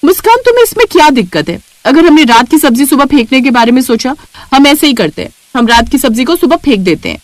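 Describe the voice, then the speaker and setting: A woman voicing a haughty elder sister-in-law in a cartoon, loud and scolding. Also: low-pitched, normal speed, few pauses, husky, no room sound, voice pushed down. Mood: angry.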